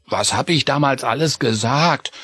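A man's voice: medium pitch, moderate pace, slightly rough, dry recording, pitched above the performer's own voice. Chris, an eager little boy mouse, voiced by a man. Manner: excited, chatty.

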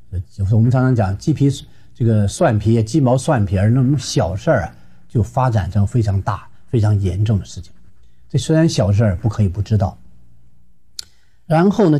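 Man, marriage counselor, emphatic lecture, husky tone, pitch swinging widely. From Shenyang, Northeast China. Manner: lively and emphatic, acting out quarrels. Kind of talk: advice lecture.

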